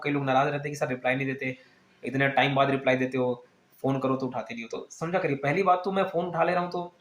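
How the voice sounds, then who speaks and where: A man's voice: fairly high pitch, fairly bright tone. A man who teaches exam coaching, giving a direct, earnest and persuasive talk to students. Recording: echoey room.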